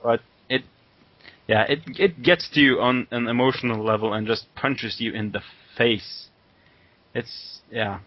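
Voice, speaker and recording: A man's voice: mid-range voice, steady tone, measured pace. A man co-hosting a podcast in casual chat, enthusiastic and laughing often. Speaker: podcast co-host. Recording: muffled lo-fi audio.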